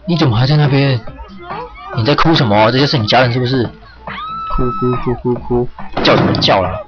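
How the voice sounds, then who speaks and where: A gaming streamer with a brisk, mid-range male voice gives live commentary as he plays, cursing casually and urging characters along. The lo-fi recording sounds dull, with loud game music in the background.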